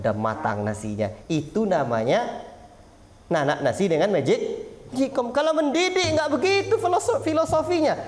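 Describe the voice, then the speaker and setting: A man's voice: high-pitched, a little mellow. A man giving a religious lesson to parents in a small prayer hall, asking rhetorical questions and acting out little parent-child exchanges. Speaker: Islamic preacher.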